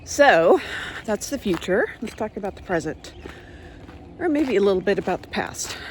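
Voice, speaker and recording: A woman hosting her own podcast, chatting in an unhurried way with frequent ums and pauses, recorded on a phone. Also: medium pitch, lively intonation, a little hiss or hum. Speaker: podcast host. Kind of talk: casual chat.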